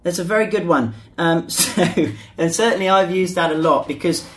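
A man's voice: sits high, normal speed, a bit bright. A man co-hosting a casual podcast, chatty and prone to repeating himself. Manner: chatty, repeats himself, sings a short jingle. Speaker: podcast co-host.

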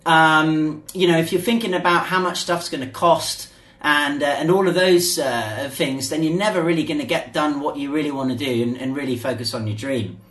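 A man's voice: fairly high pitch, moderate pace, fairly bright tone. A man hosting a podcast with upbeat, casual banter. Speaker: podcast host. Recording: roomy echo, faint music behind.

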